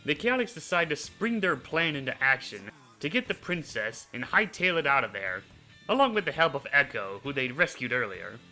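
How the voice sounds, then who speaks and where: A man hosting a video, narrating a character recap in an animated storytelling manner. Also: medium pitch, normal speed, faint music behind, poor audio. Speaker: host. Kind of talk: scripted narration.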